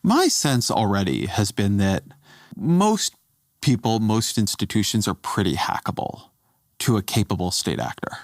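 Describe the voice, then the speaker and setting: A man's voice: lowish voice, big pitch swings, a little slow, dry recording, studio quality. A man hosting an interview, asking probing questions in a conversational way. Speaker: host, interviewer.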